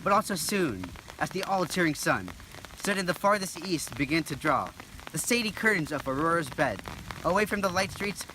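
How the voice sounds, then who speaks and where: Lively, higher-pitched man acting a concerned house elder. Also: moderate pace. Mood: worried. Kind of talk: amateur recited Shakespeare parody. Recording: noisy recording with ambient hiss.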